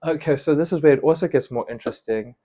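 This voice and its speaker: A man's voice: on the high side, fast talker. A young man from South Africa, telling stories as an interview guest and acting out what others said. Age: young adult. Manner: animated, quotes others in little acted lines. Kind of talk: casual storytelling interview.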